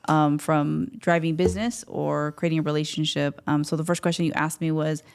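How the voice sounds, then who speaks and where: A woman in her forties from Thailand, a business coach answering interview questions in a brisk, upbeat, eager way. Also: low voice, level tone, gravelly, a little mellow, slight background noise. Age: 40s.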